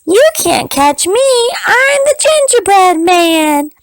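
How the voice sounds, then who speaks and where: A woman voicing a cocky gingerbread cowboy boy in a storybook read-aloud, chanting in a high, sing-song taunt. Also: sing-song, slow pace, no room sound, full character voice.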